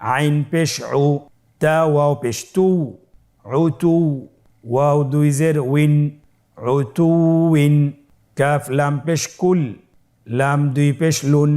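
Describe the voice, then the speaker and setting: A man teaching Quran reading, spelling out letters and vowel marks slowly and asking listeners to repeat after him. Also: fairly high pitch, mellow. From Bangladesh.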